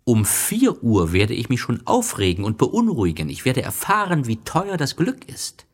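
A man voicing a wise, gentle fox in an audiobook reading, explaining things patiently and with a wistful tone. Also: mid-range voice, huge pitch swings, moderate pace, husky, voice pushed up.

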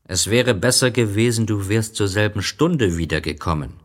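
Wise fox voiced by a man, patient, wistful, husky voice, expressive, storybook reading. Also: fairly low pitch, normal speed, voice pushed up. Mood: gentle, wistful. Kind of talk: audiobook reading.

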